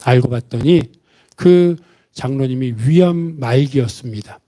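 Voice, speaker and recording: A man's voice: mid-range voice, a little slow, warm tone. A male pastor preaching a Sunday sermon, telling a story and acting out the voices of the people in it.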